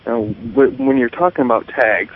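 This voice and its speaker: A man's voice: mid-range voice, expressive, normal speed. An American man hosting a tech radio show, explaining things in a casual conversational way. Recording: tinny phone-like audio, faint hiss.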